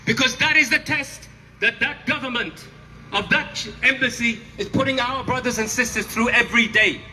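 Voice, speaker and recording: A man's voice: extremely high pitch, moderate pace, bright, forceful tone. A man giving an impassioned, roaring rallying speech to a crowd at an outdoor protest, putting emphatic questions to them. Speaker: protest speaker, former prisoner. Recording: noisy outdoor rally, reverberant amplified voice.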